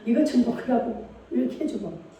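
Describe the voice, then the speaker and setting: Warm-voiced woman preaching in an echoey hall. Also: a little high, lively intonation, brisk. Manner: emphatic, asks the congregation rhetorical questions. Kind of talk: sermon. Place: church sanctuary. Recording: echoey church hall, mic far off.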